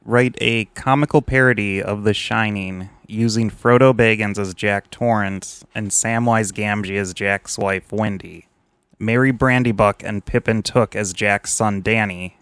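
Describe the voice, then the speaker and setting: A man on a podcast reading a writing prompt aloud, slow and deliberate. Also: on the low side, fairly even intonation, a bit bright, clear, resonant tone, no room sound. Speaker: podcast co-host.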